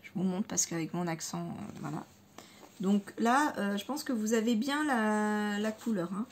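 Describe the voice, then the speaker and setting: A woman's voice: medium pitch, unhurried, slight background noise. A woman chatting casually in a haul video, hesitant with many fillers and repeated words, enthusiastic about her crafting materials. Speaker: scrapbooking vlogger.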